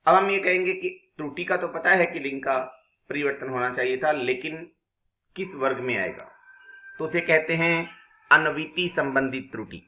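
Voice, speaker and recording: Bright-voiced man teaching a grammar lesson. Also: on the high side, normal speed, roomy sound. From India. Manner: explains step by step, asks and answers his own questions. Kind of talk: exam-prep grammar lesson.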